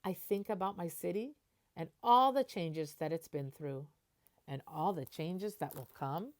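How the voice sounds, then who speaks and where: A woman with a lowish voice reads a children's picture book in an animated manner, though a little slowly. She keeps stopping to offer explanations and translations.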